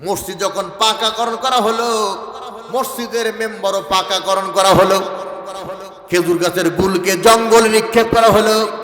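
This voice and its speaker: A man's voice: sits high, fairly even intonation, measured pace, a bit bright. A man preaching a sermon, impassioned, chanting and breaking into melodic verses. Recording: echoey hall with long reverb.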